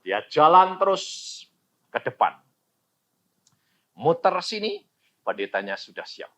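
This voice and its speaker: Animated pastor preaching. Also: male voice, fairly high pitch, slow pace, lo-fi sound. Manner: dramatic storytelling, swinging from loud calls to quiet asides. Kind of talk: sermon.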